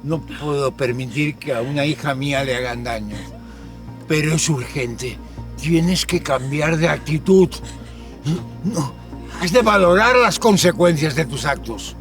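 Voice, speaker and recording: An actor playing a blind older landowner who speaks gravely and paternally to his daughters. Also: fairly high pitch, a little slow, faint music behind, lightly acted. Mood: stern. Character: blind older landowner father, firm and tender. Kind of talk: telenovela-style film acting.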